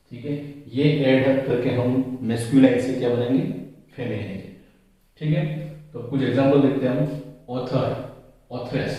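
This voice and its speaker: A man's voice: mid-range voice, mellow. A male English grammar teacher who goes through slides step by step, repeats each rule and asks and answers his own questions. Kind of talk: slide-based grammar lesson. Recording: very echoey room, voice from a distance.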